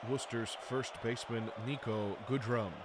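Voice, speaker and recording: Over background music, a thirtysomething American man calls out a baseball lineup as the stadium announcer, elongating each name like a showman. His mid-range voice holds steady at a moderate pace in this scripted delivery, and the setting is noisy.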